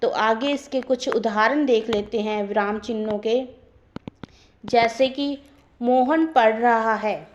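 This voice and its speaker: A woman's voice: fairly high pitch, slow, dull audio, slight background noise. A woman teaching a grammar lesson who explains step by step and repeats her points.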